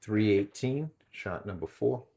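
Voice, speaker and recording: A low-voiced man with a New England accent talks through a hands-on gear test. He calls out readings one after another and rambles into chatty asides between them, in an easy, unscripted way. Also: animated, a little slow, gravelly, heavy background noise. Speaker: channel host testing gear. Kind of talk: casual hands-on test narration.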